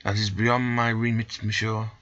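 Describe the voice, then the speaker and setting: A man's voice: on the low side, level tone, normal speed, a bit bright, muffled recording, pitched above the performer's own voice, close to an everyday voice. A man putting on a formal train guard. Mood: formal courteous. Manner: courteous, stiffly formal.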